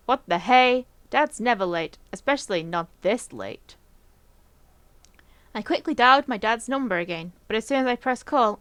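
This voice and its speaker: A woman's voice: a little high, a bit bright, no echo. A young woman hosting a let's play, reading a visual novel aloud in a playful, chatty way with frequent giggles. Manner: playful, giggly, chatty asides between narration.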